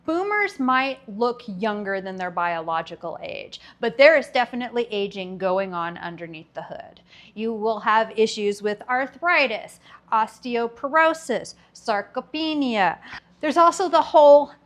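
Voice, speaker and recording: A woman's voice: on the high side, animated, unhurried, fairly bright tone. A woman in her fifties hosting a commentary video, talking in a wry, sarcastic way and laughing between her jokes. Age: 50s. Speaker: video host. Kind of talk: scripted commentary monologue.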